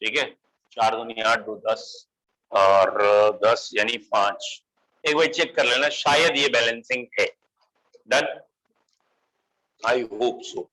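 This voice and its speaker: A man's voice: medium pitch, slow pace, long pauses, sharp tone, low-quality recording. A man teaching chemistry in a classroom lecture, calling his students "beta", coaxing answers out of them and slipping English phrases with an Indian English accent into the talk.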